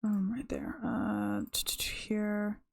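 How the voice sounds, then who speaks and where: A woman's voice: mid-range voice, completely flat delivery, slow, vocal fry, a little mellow, no room sound, clean studio sound. A woman streamer chatting casually and rambling on a live stream, often breaking off mid-thought. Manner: rambling, chatty, self-interrupting.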